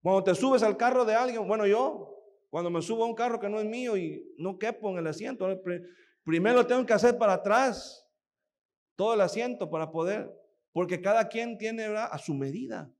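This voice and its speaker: Male pastor, high voice, lively storytelling sermon full of rhetorical questions. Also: normal speed. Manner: animated storytelling, acts out quoted voices; asks the audience frequent rhetorical questions.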